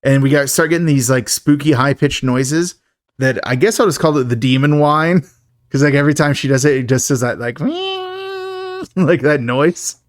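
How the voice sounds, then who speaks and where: A man's voice: mid-range voice, moderate pace, no room sound, clean studio sound. A man co-hosting a podcast, recapping a film in a chatty, joking way and laughing often. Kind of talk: casual chat.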